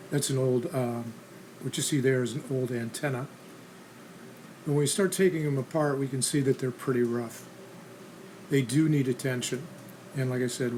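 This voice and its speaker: Poor audio captures a man with a medium-pitched, slightly mellow voice. He hosts a restoration channel, narrating casual, practical how-to steps in a plain, instructional way, with clear background noise and ambience.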